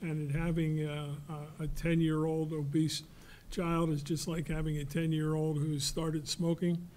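Older man, flat measured studio talk. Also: a little high, slight background noise. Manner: measured, halting with many "uh" fillers. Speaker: cancer researcher on a panel. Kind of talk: studio panel discussion. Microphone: desk mic.

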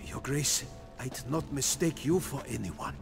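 An actor playing a loyal middle-aged former palace servant in a video game, deferential and eager to serve. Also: male voice, medium pitch, very animated, vocal fry. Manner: deferential and eager, drawn-out phrasing. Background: game music.

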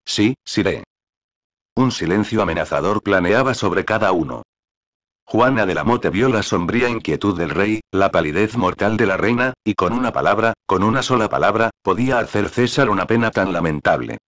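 A man narrating an audiobook in an even, deliberate storytelling manner. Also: fairly low pitch.

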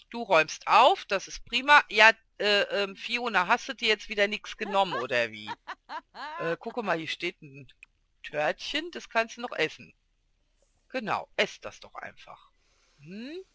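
A man's voice: high-pitched, pushed and bright, no echo. A man casually commenting on his own gameplay as a let's play host, chatting to and coaxing the game characters along.

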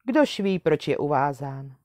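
A woman's voice: deep voice, very animated, a little mellow, no room sound, clean studio sound. A woman voicing selfish older brothers, young men who speak scornfully and dismissively, in a storybook reading.

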